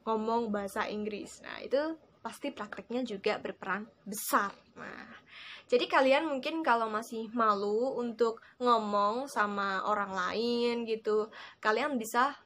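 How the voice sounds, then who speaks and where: A woman's voice: a little high, a little slow. A young woman casually talking viewers through tips in a vlog, chatty and often calling them guys. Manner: chatty, addresses viewers as guys, lively emphasis. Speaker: vlogger teaching English tips. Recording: faint background noise.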